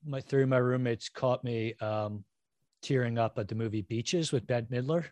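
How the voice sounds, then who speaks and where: A man's voice: mid-range voice, normal speed, darkish tone, no echo. A man rambling in casual movie chat, full of fillers and self-deprecating asides.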